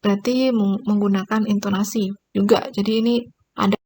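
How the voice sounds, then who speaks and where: A woman's voice: mid-range voice, fairly even intonation, a little fast, mellow, slight background noise. A woman teacher giving a recorded grammar lesson, explaining each point and pointing at examples on screen. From Indonesia.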